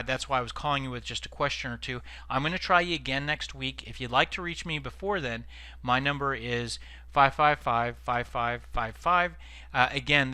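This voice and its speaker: A man acting out a businesslike salesman leaving a voicemail for a prospect. The voice is bright and forward, with a dry, close sound. The delivery is a polite, scripted phone pitch. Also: smooth, no echo.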